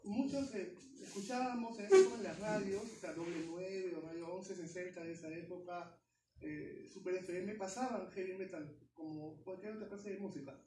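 A man's voice: high voice, normal speed, warm tone. A middle-aged man speaking as a guest to a class, explaining things with fillers and self-corrections. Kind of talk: informal classroom talk. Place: university classroom. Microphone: far camera phone. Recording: echoey classroom from far off.

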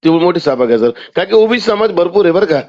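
Male caller, high voice, insistent and argumentative, dull phone-call sound. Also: animated, fast. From Maharashtra, India. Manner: insistent, talks over the other man. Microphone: telephone line. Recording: muffled phone call audio.

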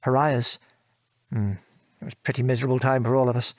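A British-accented actor in a conversational audio drama plays a former RAF airman and father, frankly recounting his war service in a bitter, indignant mood. He tells the story in an articulate, measured way, using old-fashioned British turns of phrase. His mid-range voice, with little pitch movement and close to an everyday voice, is captured in a dry, clean studio recording.

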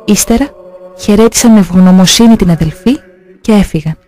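A man's voice: sits high, darkish tone, soft background music. Solemn man reading testimonies.

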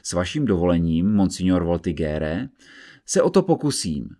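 A patient investigator lays out his logic piece by piece, as a man reading the story puts him on. He sounds calm and low, measured in each sentence. It is an audiobook character voice. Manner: calm, methodical, explaining.

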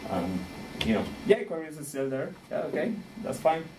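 A man in his thirties from Rica, speaking English, giving a friendly conference talk with frequent small laughs and pauses while he searches for words. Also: on the high side, sing-song, darkish tone, a little hiss or hum, poor audio. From Costa Rica.

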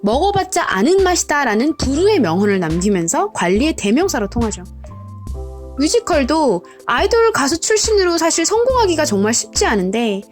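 A woman in her thirties hosting a casual lesson, chatty and demonstrating pronunciation by repeating words. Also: high-pitched. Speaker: English teacher host. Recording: roomy echo with background music.

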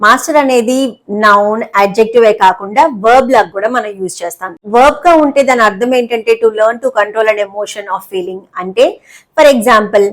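A woman teaching an English lesson in Telugu, explaining words and repeating key terms slowly. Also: on the high side, rough recording.

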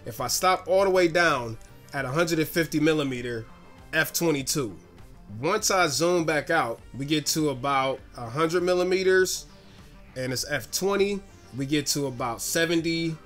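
A slightly hoarse man giving a casual, enthusiastic camera lens review in a direct, slangy way. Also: fairly high pitch, normal speed, fairly bright tone, faint music behind.

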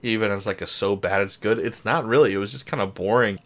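A man's voice: on the low side, quick pace, a bit bright. A man in his thirties reacting to and reviewing a film casually, tipsy, sarcastic and prone to swearing. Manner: tipsy, as if drinking while talking. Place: small home room, desk setup.

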